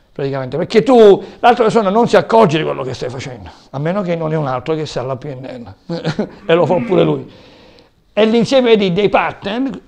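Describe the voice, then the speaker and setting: A man's voice: a little high, vocal fry, darkish tone. A man lecturing a class on communication, explaining term after term with frequent hesitations.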